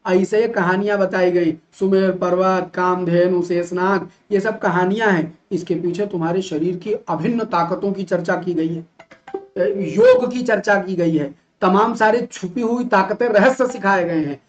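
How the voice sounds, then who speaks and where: A male teacher from Uttar Pradesh, India, delivers an animated classroom lecture packed with rhetorical questions and mocking imitations of his students. His voice is high-pitched and his pace moderate, and the recording has its highs cut off.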